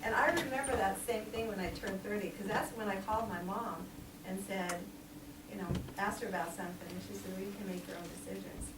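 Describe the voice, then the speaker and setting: A woman in her sixties speaks fairly quickly in a mid-range voice while giving an informal sermon as a lay preacher in a small church. Her manner is chatty, with frequent laughs and many ums. The noisy recording comes from a distant mic in an echoey room.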